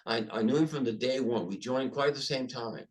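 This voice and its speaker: An older man, a podcast guest, speaking emphatically and telling stories with animated restarts. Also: mid-range voice, normal speed, rough recording. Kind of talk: conversational interview storytelling.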